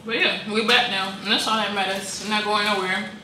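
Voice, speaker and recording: A young woman co-hosting a food vlog, joking loudly and then dropping to a mumble. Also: mid-range voice, steady tone, fairly quick, far from the mic. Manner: loud, joking, swings between shouting and mumbling. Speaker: vlog co-host. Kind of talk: casual chat. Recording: very echoey room, off-mic, background noise.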